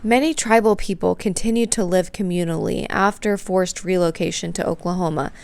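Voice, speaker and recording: A woman's voice: on the low side, fairly quick, vocal fry, a little mellow, a little hiss or hum. A woman reading scripted narration for a news documentary as the reporter.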